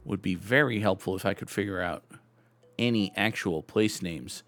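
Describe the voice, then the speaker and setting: Faint music plays behind a young adult gaming-channel host whose low, fairly bright voice moves at a moderate pace. In a casual, meandering way, he jokes dryly at his own expense as he tries to pin down the places and dates of old photographs.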